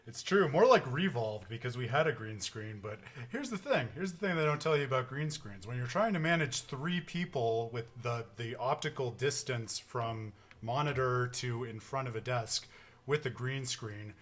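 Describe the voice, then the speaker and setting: A man's voice: medium pitch, expressive, normal speed, a bit bright. Joking man hosting a stream, rambly casual chat. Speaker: stream host.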